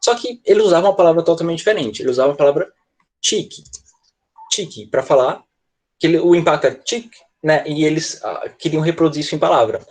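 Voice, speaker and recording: A man's voice: on the high side, brisk, darkish tone. A Brazilian man teaching English in an online class, explaining step by step and checking in with his students often.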